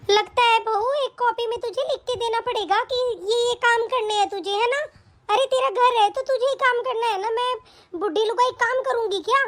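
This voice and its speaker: A woman plays an elderly mother-in-law in a cartoon story who scolds her daughter-in-law. She sounds reproachful, and the voice is pitched very high. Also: fairly even intonation, normal speed.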